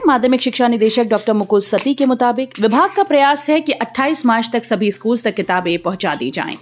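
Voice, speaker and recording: A woman reading a scripted regional news bulletin in a steady, formal voice. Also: fairly high pitch. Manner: steady formal headline delivery. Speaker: news reader.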